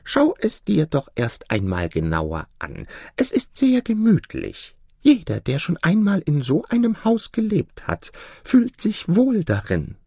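A man's voice: sits high, huge pitch swings, a little slow, creaky, dark tone, husky, no room sound, clean studio sound, exaggerated voice. A storyteller voicing a crafty, humble old male carpenter in a storybook reading, pleading and sly. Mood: coaxing. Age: older.

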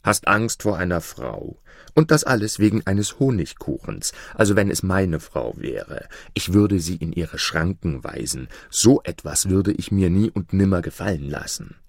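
Male narrator as an outspoken, kindly baker; deep, lively delivery. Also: measured pace, vocal fry, no room sound, clean studio sound, heavily acted. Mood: bluff. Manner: blunt then apologetic. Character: jovial, frank male pastry baker.

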